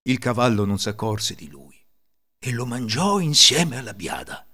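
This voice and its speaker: A man reading a folk tale aloud, expressive and animated. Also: mid-range voice, a little slow, slightly rough. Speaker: storyteller.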